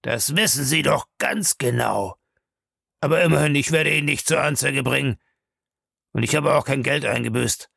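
Ein Mann spricht einen grimmigen, bedrohlichen älteren Mann in einer Hörbuchlesung, langsam und brummig. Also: male voice, medium pitch, creaky, fairly bright tone, breathy edge, dry recording, clean studio sound, exaggerated voice. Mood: gruff. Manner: slow, grumbling. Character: Abel Bellamy, a gruff, menacing older man.

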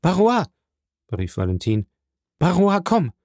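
A man voicing a gentle, anxious young woman in a storybook reading, speaking in a raised, urgent and imploring way. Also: mid-range voice, animated, normal speed, no echo, clean studio sound, close to an everyday voice. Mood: calling.

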